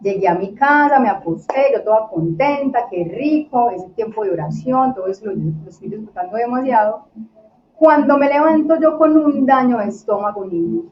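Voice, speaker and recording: Woman, lively storyteller, muffled sound. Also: fairly high pitch, moderate pace, reverberant. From Colombia. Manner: lively, acts out quoted dialogue. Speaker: guest telling her conversion story. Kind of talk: casual storytelling. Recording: dull lo-fi recording with faint noise.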